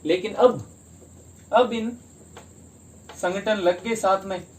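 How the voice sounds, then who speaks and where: A man's voice: high-pitched, steady tone, takes it slowly, slight background noise. A man teaching a history lesson for exam prep in Hindi, explaining step by step and asking and answering his own questions.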